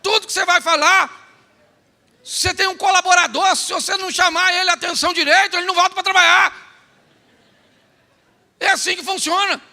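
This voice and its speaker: High gravelly Brazilian preacher. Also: male voice, fairly even intonation, brisk, pauses often, sharp tone. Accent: Brazilian Portuguese. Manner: humorous, teasing, talks straight to the congregation. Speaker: pastor. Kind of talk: sermon. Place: large church hall. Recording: echoey church hall.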